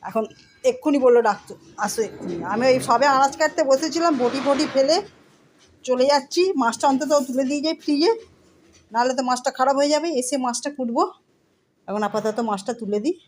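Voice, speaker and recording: Her voice sits high and moves briskly, with a little hiss or hum on the recording. She's a middle-aged vlogger chatting from her kitchen in a casual home vlog shot on a phone camera, treating her viewers as friends.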